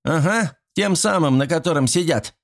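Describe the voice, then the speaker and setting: A man's voice: on the high side, animated, normal speed, gravelly, voice pushed up. A man voicing a group of cheeky village women with bawdy, giggling banter. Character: cheeky teasing village women, middle-aged.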